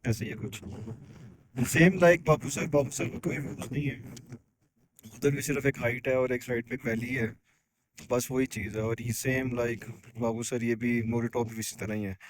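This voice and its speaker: A man's voice: medium pitch, steady tone, normal speed, crowd noise, low-quality recording. A man chatting informally to a camera outdoors on a mountain pass, repeating phrases for emphasis. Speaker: travel companion. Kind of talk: casual outdoor chat to camera.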